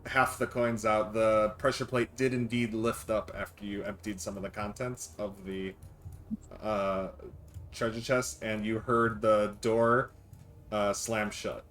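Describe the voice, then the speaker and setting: A man's voice: lowish voice, little pitch movement, unhurried, a bit bright. A man acting as game master, narrating a tabletop game casually and often thinking aloud with some hesitation.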